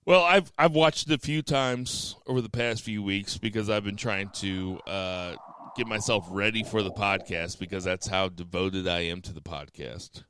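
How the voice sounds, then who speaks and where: A man's voice: fairly low pitch, moderate pace, a bit bright, slight background noise. A man hosting a casual podcast chat, joking around and steering the conversation. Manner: joking, leads the show and hands off questions. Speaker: podcast host.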